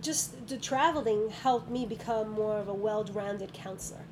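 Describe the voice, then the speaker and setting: A woman school counselor talks casually in an interview, telling stories with plenty of ums. Her medium-pitched voice moves at a moderate pace over steady background noise.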